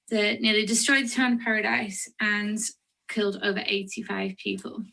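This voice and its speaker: Lancashire woman, bright voice with creaky edges. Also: mid-range voice, low-quality recording. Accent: Lancashire English. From Lancashire, England. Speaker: poet. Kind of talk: poetry reading with spoken introduction.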